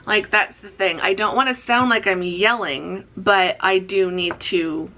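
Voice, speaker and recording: A woman's voice: medium pitch, steady tone, a little slow, bright, forceful tone. A woman talking casually to camera in a vlog, chatty and upbeat, rambling with fillers before heading off to teach. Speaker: author and college writing teacher vlogger.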